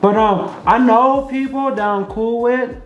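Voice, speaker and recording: Slow, rambling storytime vlogger. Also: mid-range voice, slight background noise. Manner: slow, rambling, repeats itself. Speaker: vlogger host. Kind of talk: casual storytime vlog. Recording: echoey, dull lo-fi room sound.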